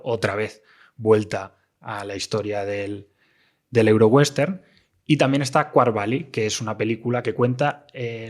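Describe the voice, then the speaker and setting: A man hosting a film podcast, speaking in a measured way with hesitations. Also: lowish voice. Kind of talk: casual film discussion.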